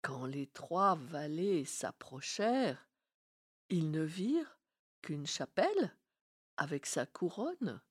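Brief: woman storyteller, unhurried and expressive, a fairy tale read aloud. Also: low voice, slightly rough. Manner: slow and expressive. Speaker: narrator. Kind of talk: storybook reading.

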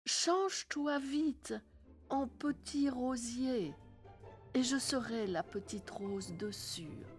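A woman voicing a calm, quick-witted little girl in a storybook reading, speaking softly and urgently. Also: sits high, soft background music.

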